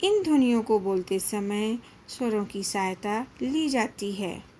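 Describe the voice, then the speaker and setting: A woman teaching a grammar lesson to children, pronouncing each sound slowly and deliberately. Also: medium pitch, animated, mellow, slight background noise. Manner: slow, deliberate, drawn-out syllables with frequent pauses. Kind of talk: slow classroom lesson for children.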